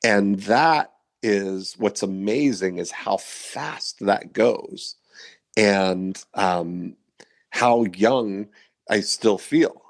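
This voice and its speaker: A man in his fifties hosts a podcast conversation in a low, unhurried voice. He talks in a reflective, rambling way, full of fillers and restarts. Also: creaky. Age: 50s. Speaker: podcast host. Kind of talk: casual interview chat.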